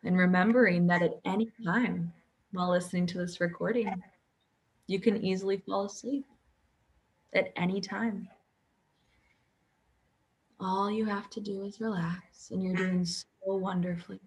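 A woman guiding a hypnosis session as a hypnotherapist, speaking softly and soothingly in repetitive phrases. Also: mid-range voice, steady tone, normal speed, long pauses.

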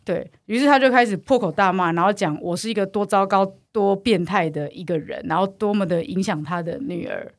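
A young woman with a Taiwanese Mandarin accent, co-hosting a podcast and retelling a story in a lively, dramatic way. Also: mid-range voice, fairly quick, creaky, hardly any pauses. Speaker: podcast co-host. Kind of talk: animated storytelling.

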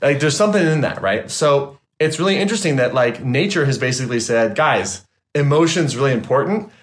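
A man, a trauma therapist and guest, talking in a casual, animated and emphatic way, swearing freely. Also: medium pitch, fast. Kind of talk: casual interview chat.

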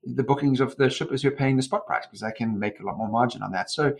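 A South African man in his forties, a company founder, giving measured explanatory answers in an interview, trailing off with "et cetera". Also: medium pitch, gravelly, darkish tone. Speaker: guest, company co-founder and CEO.

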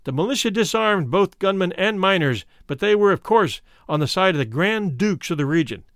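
A man reading a first-person memoir aloud in measured, steady storytelling narration. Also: high voice, dry recording, clean studio sound. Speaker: reader.

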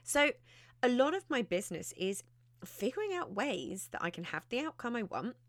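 A woman's voice: mid-range voice, no room sound, studio quality. A woman hosting her own podcast, talking straight to the listener in a chatty, emphatic way. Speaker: podcast host, success mentor. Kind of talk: podcast monologue.

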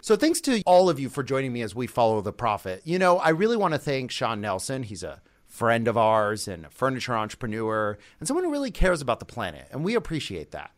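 A man's voice: mid-range voice, wildly swooping pitch, brisk, few pauses, faint music behind. A man hosting a podcast, reading scripted sign-off remarks and thanks. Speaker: podcast host.

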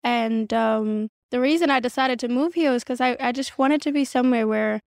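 A young woman from South Sudan, raised in Kenya and Australia, is a guest in a candid conversational interview, speaking reflectively and earnestly with frequent restarts. Her voice is a little high and smooth at a normal speed, recorded in studio quality with no echo.

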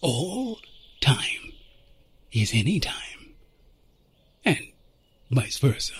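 A man's voice: mid-range voice, sing-song, drawn-out words, husky, dry recording, exaggerated voice. A man voicing a genteel older time traveler who muses and lectures with small stammers. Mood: musing.

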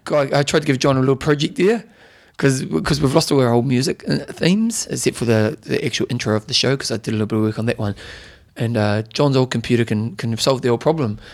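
A man speaks with a broad New Zealand accent at a middling pitch. He hosts a casual sports podcast and talks in a colloquial, matey way, sprinkling in local slang. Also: fast talker. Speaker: podcast host. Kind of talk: casual co-hosted sports chat.

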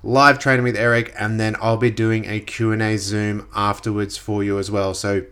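A man's voice: lowish voice, monotone, moderate pace, clear, resonant tone. Man, congested, upbeat motivational podcast host, emphatic delivery. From Australia. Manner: upbeat, emphatic, loose restarts.

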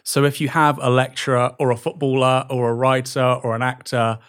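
A man's voice: medium pitch, fairly even intonation, fairly quick, a bit bright. A man co-hosting a casual panel discussion, arguing his point confidently. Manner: argumentative, confident. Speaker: co-host.

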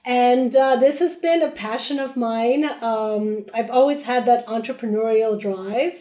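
A woman's voice: a little high, unhurried, reverberant. A woman from Peru, a spirits brand founder, chatting animatedly as an interview guest with plenty of fillers. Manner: animated, playful, many fillers. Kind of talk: casual interview chat.

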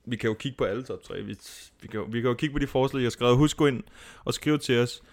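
A man hosting a podcast, chatting casually and telling stories in a rambling, animated way. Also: medium pitch. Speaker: podcast host. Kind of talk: casual chat about fighting.

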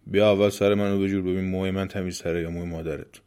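A man voicing a hushed, gruff demon. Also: deep voice, little pitch movement, close to an everyday voice. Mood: calm. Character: gruff male demon in a well.

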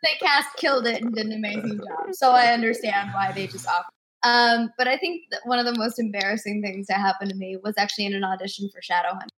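A woman in her twenties, a guest actress on a remote interview, telling animated stories and acting out the people in them. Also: mid-range voice, fast, slight background noise. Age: 20s. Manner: animated storyteller, acts out quoted dialogue.

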